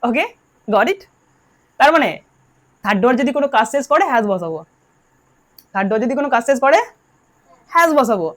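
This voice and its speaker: Teaching English grammar to a class, a woman from Bengal drills the students and tells them to answer aloud. She speaks fairly quickly in an expressive, fairly high voice, pausing often.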